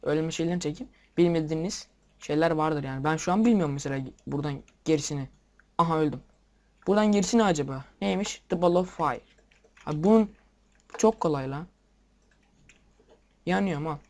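A young man giving casual game commentary, excitable, swearing at the game and talking to his viewers. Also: fairly high pitch, fairly quick, pauses often. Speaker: gameplay video maker. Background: keyboard and mouse clicks.

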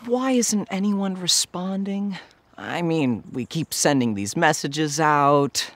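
A man's voice: on the high side, slow pace, fairly bright tone, full character voice. An actor playing an earnest, worried boy scout in a short film, who is timid and polite and keeps saying sir. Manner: timid and deferential, says sir constantly.

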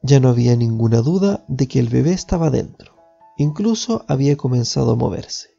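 A man reading a storybook aloud in the first person of a child, gently and warmly. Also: medium pitch, animated, a little fast, gravelly. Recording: dull lo-fi with faint music.

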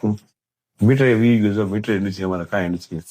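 Older man, soft and halting. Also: on the low side. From Gujarat, India. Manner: soft, halting, often trailing off quietly. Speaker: interviewee. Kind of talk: emotional interview, plain talk.

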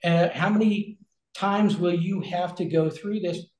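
Speaking via webcam on a video call, a regenerative health concierge in his forties gives a long, casual explanation from a small, echoey indoor room lined with shelves. His somewhat high voice is unhurried and a little mellow, his speech loose with fillers and restarts, and he gestures while talking; there's a little hiss or hum.

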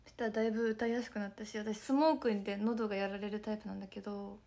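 A young woman with a hoarse voice chatting casually to fans on a livestream, talking softly and often slipping into a whisper. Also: mid-range voice, fairly even intonation, racing. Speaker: idol group member streaming to fans.

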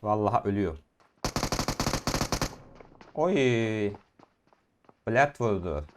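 A young man casting his own mobile shooter match, calling out enemies quickly and breaking into shouts and laughs in bursts. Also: on the low side, expressive, noisy background. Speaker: gaming YouTuber. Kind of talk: excited gameplay commentary.

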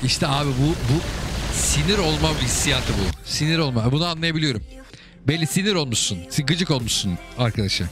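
A man's voice: fairly high pitch, lively intonation, fairly quick, music in the background. Chatty man talking over a game. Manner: chatty, keeps asking "you get it?" and calling the listener brother. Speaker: host analysing viewers' game replays. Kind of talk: casual commentary.

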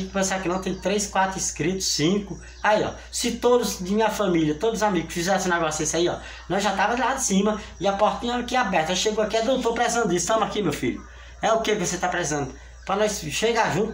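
Older man, Brazilian accent, feverish, rambling appeal, phone on the counter, echoey kitchen, faint background hum. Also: high-pitched. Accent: Brazilian Portuguese. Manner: rambling, pleading, repeats himself; moves about while cleaning a kitchen. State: sick with fever. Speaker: family channel vlogger. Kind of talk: casual vlog appeal to viewers. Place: small home kitchen, indoors. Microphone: phone camera on the counter.

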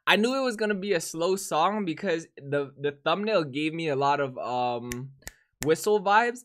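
A young man talks through a casual reaction vlog with a rough, just-woken voice. His slangy chat rambles and loops back on itself, and his pitch swings up and down a lot. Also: expressive, moderate pace, fairly bright tone. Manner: slangy, rambling, repeats himself. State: rough morning voice. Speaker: reaction video host.

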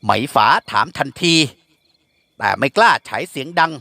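A man reading a classic novel aloud with expressive storytelling. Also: mid-range voice, normal speed, dry recording. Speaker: audiobook narrator. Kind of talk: scripted novel narration.

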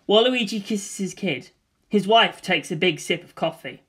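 Deadpan narrator reading a screenplay. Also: medium pitch, moderate pace, husky.

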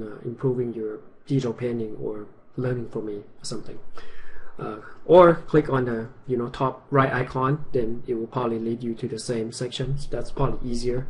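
Man, voice partly gone, casual painting tutorial, halting, lots of ums. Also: medium pitch. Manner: relaxed, halting, many ums and restarts. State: partly lost voice.

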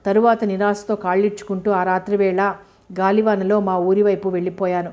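A woman voicing a lame, remorseful young man, speaking quietly and pleadingly in a storybook reading. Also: mid-range voice, flat delivery, brisk, lo-fi sound, close to an everyday voice.

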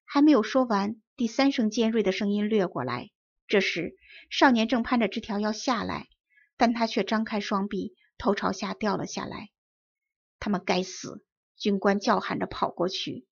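Woman storyteller, gravelly and measured, children's audiobook. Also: medium pitch, dull audio. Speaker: storyteller, teacher.

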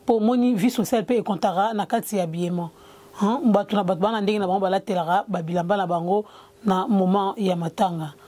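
Holding a handheld mic with a windscreen, a young woman hosts an interview in a clothing shop, moving between Lingala and French and offering brief assents. Her mid-range voice is steady, mellow and fast.

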